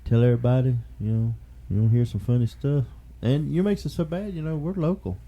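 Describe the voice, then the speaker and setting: A man hosting a podcast in casual chat, with a relaxed Southern drawl, rambling and quick to laugh. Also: narrow, tinny audio. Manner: laid-back, laughs easily, rambling pitches for support. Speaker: podcast host.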